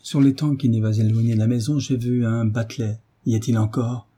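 A man reading the part of a calm, grave tutor who gives firm, decisive orders. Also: medium pitch, fairly quick, husky, natural voice. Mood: commanding. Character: calm, commanding male tutor in his prime.

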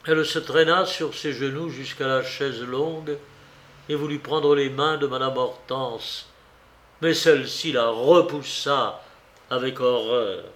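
A man narrating a dramatic storybook in a measured, unhurried reading. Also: mid-range voice, fairly even intonation, a bit bright.

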